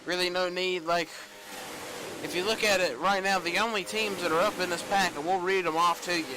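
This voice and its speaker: Young man, race commentator, high bright voice, casual play-by-play, faint background hiss. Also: a little fast. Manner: casual, rambling, excited on race finishes. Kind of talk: play-by-play sim racing commentary.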